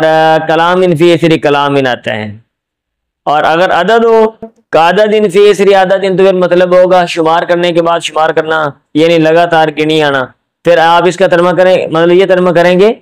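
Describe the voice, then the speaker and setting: Middle-aged Punjabi-male lecturer, patient and explanatory, clear resonant voice, slightly raised pitch. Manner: explains step by step, checks with "ٹھیک ہے؟"; switches into Punjabi for jokes. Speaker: teacher. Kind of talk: classroom lecture on Arabic Quran commentary.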